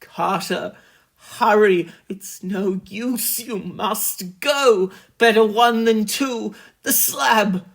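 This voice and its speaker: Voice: medium pitch, unhurried, voice pushed up. A reader voicing a frantic trapped man. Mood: frantic pleading. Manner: frantic, urgent, shouting. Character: desperate man trapped underground, pleading. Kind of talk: dramatic horror story reading.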